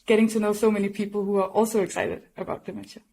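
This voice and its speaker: A woman's voice: medium pitch, little pitch movement, quick pace, creaky, mellow, low-quality recording. A woman from Denmark, a guest researcher, friendly and storytelling.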